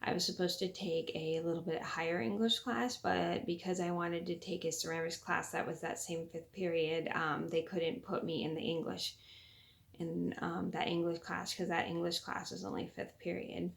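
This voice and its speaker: A young woman telling a casual story to viewers, keeping her voice quiet as if late at night with others asleep, in a halting way that circles back to rephrase. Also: fairly low pitch, level tone, gravelly. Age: young adult. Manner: talking quietly so as not to wake sleeping people at night. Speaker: vlogger.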